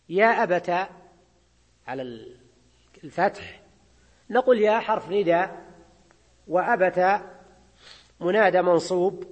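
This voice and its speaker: A man with a husky, fairly high voice gives a classroom grammar lecture. He explains step by step and keeps checking in with his listeners with a quick questioning prompt. His voice trails off into a long reverb. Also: dull audio. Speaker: grammar teacher.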